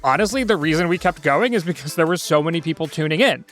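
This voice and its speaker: A man's voice: fairly high pitch, expressive, quick pace, fairly bright tone, soft background music. An American man in his thirties hosting a podcast with casual, conversational political commentary. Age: 30s. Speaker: podcast host.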